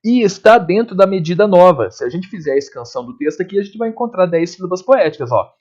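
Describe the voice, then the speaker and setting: A man teaching a literature lesson in a casual manner, checking in with his students often and slowing down to recite poems. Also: high-pitched, expressive, a little mellow. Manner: slows down when reciting poems. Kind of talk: classroom lecture. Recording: dull lo-fi recording.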